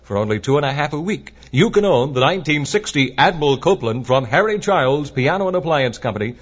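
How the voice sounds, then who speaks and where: A man's voice: a little high, lively intonation, quick pace. An American man working as a radio DJ in an upbeat, salesmanlike 1950s ad style, on a dull vintage AM broadcast. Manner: upbeat, salesmanlike announcer delivery. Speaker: radio DJ reading ads and announcements. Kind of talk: chipper 1950s radio ad and DJ patter.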